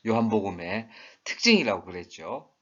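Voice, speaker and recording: A man's voice: fairly low pitch, sing-song, moderate pace, fairly bright tone. A man giving a conversational Bible study lecture, asking rhetorical questions and acting out quoted lines in regional dialects. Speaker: Bible teacher. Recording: dull lo-fi recording.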